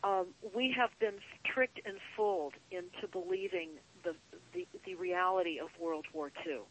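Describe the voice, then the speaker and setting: A woman guest on a call-in show, speaking in an earnest, deliberate, emphatic way, like a paranoid late-night rant with drawn-out phrases. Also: on the low side, fairly bright tone, rough recording. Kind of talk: earnest conspiracy monologue.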